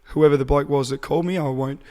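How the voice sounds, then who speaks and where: A young-sounding Australian man with a slightly high voice chats casually on a podcast, easygoing and quick to laugh. His voice carries a long reverb from the room. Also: steady tone, mellow. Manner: laid-back storytelling, laughing often. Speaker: podcast co-host. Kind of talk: casual chat.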